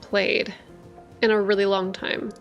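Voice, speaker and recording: A woman's voice: mid-range voice, flat delivery, a little slow, creaky, faint music behind. A woman hosting a livestream, chatting casually with viewers in a rambling way, full of filler words and self-corrections, tired after hours of streaming. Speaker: streamer and lore channel host.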